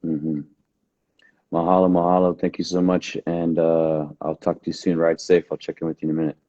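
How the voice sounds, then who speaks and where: A man's voice: very deep voice, level tone, brisk, no echo, lo-fi sound. A man hosting a casual livestream chat, easygoing, with slang and fillers. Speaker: host.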